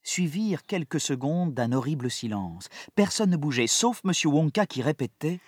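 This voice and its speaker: A man narrating a children's story aloud in an expressive, dramatic audiobook style. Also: on the high side, moderate pace, breathy edge, no echo, studio quality. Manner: lively and dramatic, shifting with the story.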